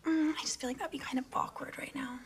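An actress playing a breezy, scatterbrained young adult daughter with a drawn-out way of talking in a sitcom. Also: female voice, high-pitched, steady tone, in a whisper, natural voice. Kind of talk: sitcom acting.

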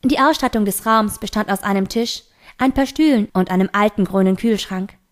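A woman reading a novel aloud in steady first-person storytelling. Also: medium pitch, moderate pace. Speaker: audiobook reader.

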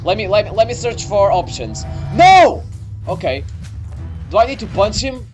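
A young man doing excitable, easily startled, sweary let's play commentary on a video game. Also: sits high, brisk. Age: young adult. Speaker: gaming video creator. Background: game music.

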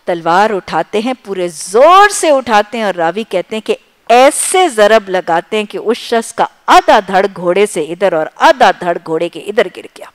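A woman preacher giving an impassioned sermon, building rhythmic lists of short phrases and dropping to soft, low asides. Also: sing-song. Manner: swings between loud emphasis and soft low asides. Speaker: Islamic preacher.

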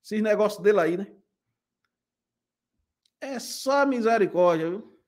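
High-voiced man chatting on a live stream. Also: lively intonation, slow pace, a little mellow. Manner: chatty, repetitive, ends lines with "né?" and "viu?". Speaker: pastor and channel host commenting. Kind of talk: casual live-stream commentary.

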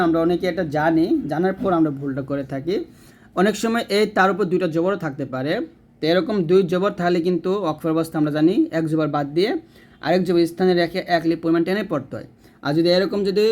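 A man's voice: sits high, a little mellow. A man teaching Quran reading in a spoken lesson, patiently explaining and repeating words. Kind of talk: casual spoken lesson with slow recitation examples.

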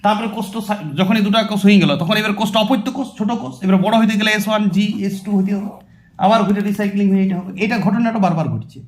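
A man's voice: sits high, fairly even intonation, very fast. A man with a West Bengal Bengali accent teaching a biology exam-prep lesson, asking questions and answering them himself and repeating terms as he writes them out. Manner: explains by asking and answering his own questions; repeats terms while writing on a board.

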